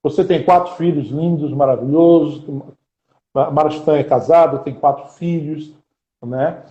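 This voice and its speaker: A man's voice: a little high, a little slow, warm tone, reverberant, muffled recording. A man, hosting a live-streamed interview and asking earnest rhetorical questions. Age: 40s. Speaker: interviewer and podcast host.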